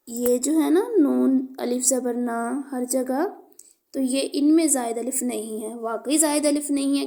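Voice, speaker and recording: A woman teaching Quran recitation. Her voice sits high yet dark and mellow, with some gravel in it. She spells out each syllable patiently and repeats the words slowly. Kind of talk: slow spelled-out recitation lesson.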